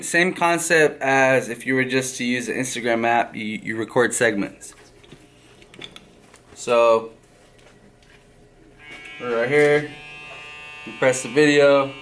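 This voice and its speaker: A man's voice: medium pitch, fairly bright tone. A man, a barber, giving a casual step-by-step how-to, often tagging his points with "right?". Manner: walks through steps, tags lines with "right?".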